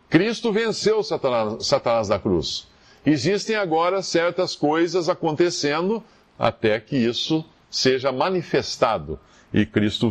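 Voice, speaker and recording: Um homem com sotaque brasileiro dando um estudo bíblico, lendo as escrituras em voz alta com emoção. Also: male voice, fairly high pitch. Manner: expressive, reads scripture aloud with feeling. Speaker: Bible teacher. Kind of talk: Bible teaching talk.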